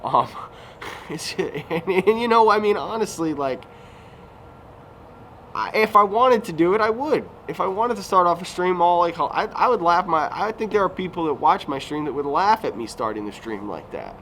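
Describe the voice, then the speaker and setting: This thirty-something YouTuber's voice sits high and a bit bright, with lively intonation and normal speed. He rambles casually through his vlog, full of fillers and self-corrections. It's recorded outdoors at a resort recreation area, noisy with passing vehicles.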